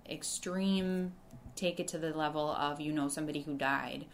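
Earnest woman, lowish voice. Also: a little hiss or hum. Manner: earnest, reflective, talks in quick restarts. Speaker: guest. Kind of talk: casual interview chat.

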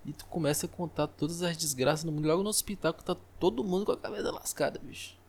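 A man's voice: on the high side, fast talker. A man with a Brazilian accent, hosting a solo podcast and ranting in a profane, exasperated way into a close microphone. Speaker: podcast host.

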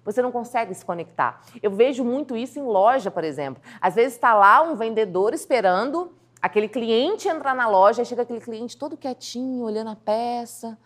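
A woman teaching communication skills in a lively video lesson, acting out little scenes as she goes. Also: a little high, brisk, hardly any pauses. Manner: animated, acts out little scenes in quotes. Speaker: communication coach.

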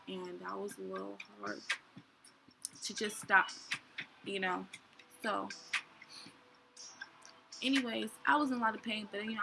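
Woman, young adult, podcast host, rambling candid storytelling, gravelly, audible background noise. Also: mid-range voice. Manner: candid, rambling, many fillers. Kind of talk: personal storytelling.

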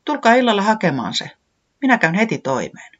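A bright, brisk fixer creature, voiced by a storyteller with a raised, bouncy voice and a can-do air. The sound is dull and lo-fi, like an old children's story tape. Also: medium pitch, sing-song, voice pushed up. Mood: cheerful. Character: handy cheerful forest fixer creature.

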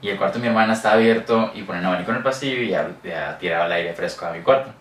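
A young man with a Mexican accent telling a scary story in casual chat and acting out shouts and sound effects. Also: low-pitched, rapid-fire. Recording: echoey room, mic at a distance, faint noise.

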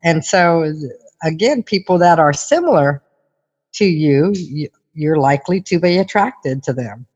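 A woman's voice: low-pitched, animated, measured pace, darkish tone, long reverb tail, lo-fi sound. A woman host chatting casually, explaining things in a conversational way. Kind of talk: casual chat explaining studies.

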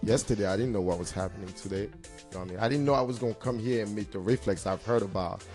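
A man's voice: lowish voice, racing, a little mellow, faint music behind. A man telling stories in a casual interview as a DJ and hype man, confident, boastful and slangy. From Cameroon.

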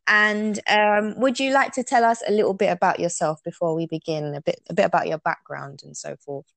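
A woman's voice: lowish voice, steady tone, a little fast, creaky, dry recording. A woman hosting a podcast over a call line, welcoming her guest with polite, formal phrasing. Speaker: podcast host. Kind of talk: casual interview hosting.

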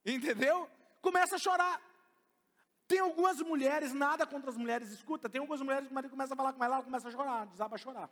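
In a church hall with lengthy reverb, a middle-aged pastor preaches, his Brazilian Portuguese accent clear as he emphatically addresses the congregation. He has a very high, slightly bright voice and a quick pace.

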